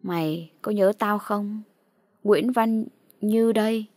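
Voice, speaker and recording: A woman's voice: medium pitch, slow, a little mellow, no echo, clean studio sound. Woman voicing a vengeful old woman's ghost. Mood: menacing. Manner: menacing, moaning.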